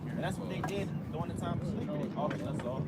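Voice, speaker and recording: A man's voice: fairly high pitch, fast. A man preaching outdoors on a riverwalk, stressing each point with "right?" and "brother". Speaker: street preacher. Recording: distant outdoor recording with loud traffic noise.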